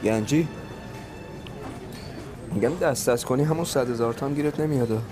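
A man's voice: mid-range voice, music in the background, close to an everyday voice. An actor playing a stubborn, proud young man who answers his family curtly and defiantly. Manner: curt and defiant. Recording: background noise.

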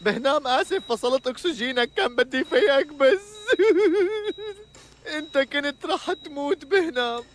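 A man's voice: extremely high pitch, expressive, a little fast, hardly any pauses, a bit bright, a little hiss or hum. An actor playing a bumbling, anxious man with a Levantine accent who pleads and laughs when he means to cry. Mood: sobbing. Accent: Levantine Arabic. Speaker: patient's companion. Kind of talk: comic dubbed drama.

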